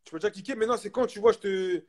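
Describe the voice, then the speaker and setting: A young man chatting casually as a guest, telling a story in animated street slang and repeating himself for emphasis. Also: sits high, rapid-fire. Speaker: guest, basketball player.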